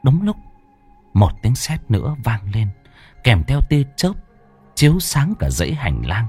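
Husky man narrating a ghost story. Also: mid-range voice, wildly swooping pitch, a little mellow, soft background music. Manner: dramatic, drawn-out delivery. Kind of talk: scripted horror narration.

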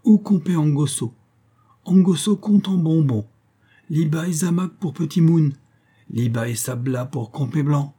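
A man's voice: mid-range voice, measured pace, breathy edge. A man voicing a grateful, cheerful male forest guide who speaks broken pidgin in an audiobook. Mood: joyful. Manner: pidgin speech, eager and excited.

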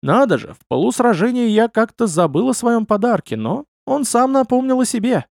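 A man narrating a fantasy story in the first person, with expressive, animated storytelling. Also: very high voice, moderate pace, gravelly, no room sound, studio quality.

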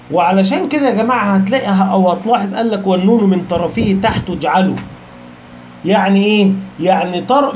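A man with an Egyptian accent and a fairly high voice lectures his class. He keeps posing questions and answering them himself, and he slows down on the terms he wants to stress. A faint hiss sits under the recording. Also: a little mellow. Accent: Egyptian Arabic. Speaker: Quran recitation teacher. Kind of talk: explanatory lecture.

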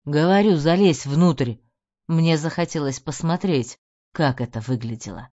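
A woman voicing a cruel, mocking middle-aged male crime boss in an audiobook, speaking in a slow, low sneer. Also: warm tone. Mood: menacing, mocking. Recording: dull lo-fi recording.

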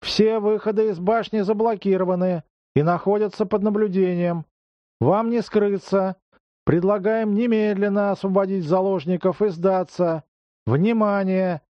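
A man reading a book aloud and putting on a stern police announcer calling out over a loudspeaker in a loud, barking voice. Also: high voice, no echo, muffled recording, pitched above the performer's own voice. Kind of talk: audiobook reading.

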